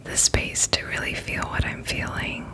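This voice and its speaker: A woman whispering a gentle, reassuring pep talk in a reflective ASMR style, her voice breathy and unvoiced. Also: moderate pace. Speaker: ASMR host.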